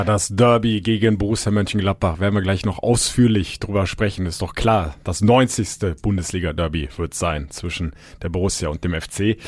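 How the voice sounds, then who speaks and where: Low-pitched man hosting a football podcast. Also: a little mellow, dry recording. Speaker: podcast host. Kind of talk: casual sports podcast chat.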